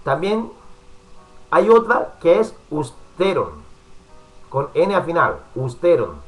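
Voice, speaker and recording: Male preacher, fairly high voice, pastoral Bible-study sermon, chatty asides, soft music underneath. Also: huge pitch swings, low-quality recording. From Spain. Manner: warm pastoral address with frequent asides, pausing to work the computer.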